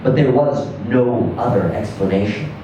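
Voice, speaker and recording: In a very echoey room and some distance from the microphone, a male reader performs a short first-person story dramatically for a live audience. He sounds conversational yet theatrical, with lively pitch swings and deliberate pauses, over faint noise.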